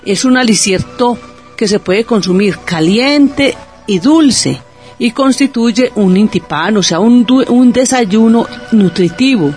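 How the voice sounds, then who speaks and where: A woman's voice: fairly high pitch, expressive, slow, a little mellow, faint music behind. Woman presenting a cooking segment. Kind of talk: radio cooking instruction.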